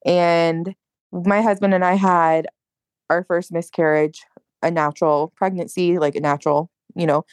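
A woman's voice: lowish voice, fairly even intonation, unhurried, dry recording. A woman interview guest telling her personal story openly, with lots of "like" and "you know". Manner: open, conversational, many "like"s and "you know"s.

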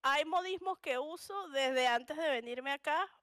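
A woman's voice: high-pitched, unhurried, fairly bright tone, dry recording, studio quality. A young woman with a Venezuelan accent from Punto Fijo, co-hosting a casual podcast chat, slangy and laughing often. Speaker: podcast co-host.

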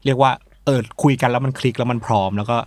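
A man who co-organizes a music festival, chatting casually as a guest, talking quickly with lots of fillers and repeated words. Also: medium pitch, fairly even intonation, slight background noise. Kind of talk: casual conversation.

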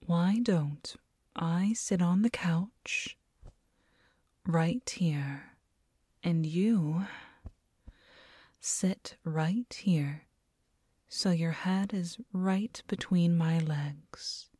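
A woman playing a doting, teasing girlfriend in a whispered role-play, speaking slowly and tenderly, right in the listener's ear. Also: on the low side, mellow, husky, dry recording, clean studio sound, heavily acted. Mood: tender, inviting. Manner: slow, tender, coaxing. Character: doting, teasing, nurturing girlfriend soothing her partner. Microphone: very close binaural microphone.

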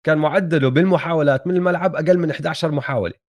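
A man's voice: on the high side, rapid-fire, a little mellow. A man with a Palestinian-Jordanian Levantine Arabic accent talking casually as co-host of a sports show.

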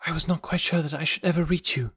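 A man voicing a proud, hushed desert chieftain's daughter. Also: fairly high pitch, fairly even intonation, quick pace, husky, dry recording, clean studio sound, voice pushed up. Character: daring young female desert chieftain's daughter.

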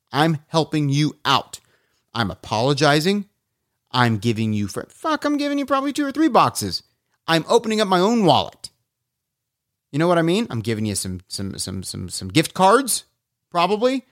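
A man hosting his own podcast, chatting alone in a loose, profane, rambling way. His voice sits at an ordinary middle pitch. The sound is dry and close, with no room echo. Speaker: podcast host. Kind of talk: casual solo podcast riffing.

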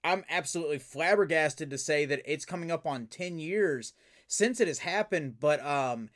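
A man, a professional wrestler, telling stories as a guest in a casual interview, animated and full of fillers and restarts. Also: on the high side, normal speed.

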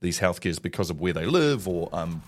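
A man's voice: low-pitched, lively intonation, brisk. A man with a New Zealand accent presenting conversational news chat as a morning radio co-host.

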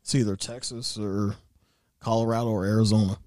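Man, mellow tone, fairly low pitch, slangy casual chat. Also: flat delivery, brisk, no echo, studio quality.

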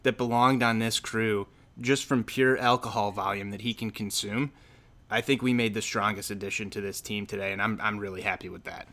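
A man's voice: fairly low pitch, steady tone, fairly quick, a bit bright. A man co-hosting a podcast, chatting casually and emphatically with swearing. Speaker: podcast co-host. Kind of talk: casual chat.

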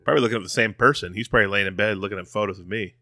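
A man's voice: lowish voice, racing, very noisy. A man co-hosting a podcast, chatting casually, laughing often and getting worked up over stories. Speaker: podcast co-host. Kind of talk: casual chat.

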